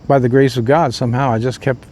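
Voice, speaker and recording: An older man speaks as a pastor in a loose, folksy devotional talk, circling back on himself with plenty of ums and restarts. His voice sits at an ordinary middle pitch. Faint crickets and the odd passing car hum behind him. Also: fairly even intonation, fast talker, darkish tone. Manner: rambling, folksy, many fillers and restarts.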